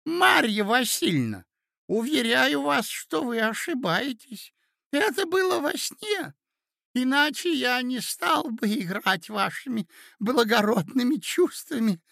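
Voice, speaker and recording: Brief: doddering elderly prince, excitable and confused, shrill and lively. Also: male voice, slow pace, creaky, dry recording, studio quality, full character voice. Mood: delighted. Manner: babbling, high-pitched and gushing.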